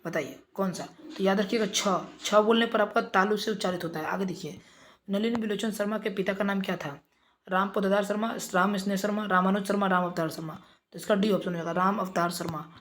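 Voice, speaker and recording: A man teaching an exam revision lesson, briskly reading out quiz options and coaxing his pupils along. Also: sits high, fairly even intonation, fairly bright tone, a little hiss or hum.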